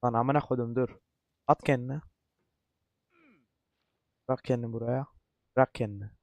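A man giving let's-play commentary, cursing a lot in frustration and repeating short words while coaching himself to stay calm. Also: mid-range voice, normal speed, creaky, no echo. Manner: repetitive outbursts. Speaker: gaming YouTuber.

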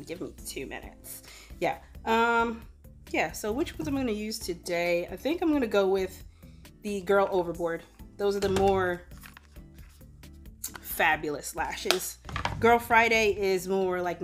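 A woman's voice: medium pitch, expressive, measured pace, faint music behind. A young woman chatting casually at home as she reviews and tries a beauty product, with self-deprecating fillers. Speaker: beauty vlogger.

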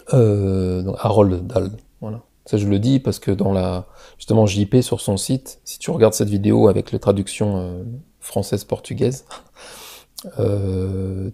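A man's voice: lowish voice, gravelly, dark tone, breathy edge. A man giving a casual explanatory monologue, talking hesitantly with many fillers and often checking "d'accord?". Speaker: video creator.

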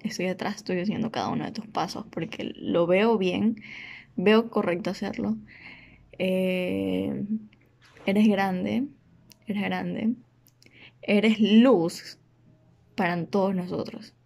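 A woman, tearful and choked up, giving a halting, emotional birthday message to her brother. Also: medium pitch, fairly even intonation, vocal fry, a little mellow. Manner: emotional, halting with many fillers. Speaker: sibling sending birthday wishes. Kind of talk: heartfelt recorded message.

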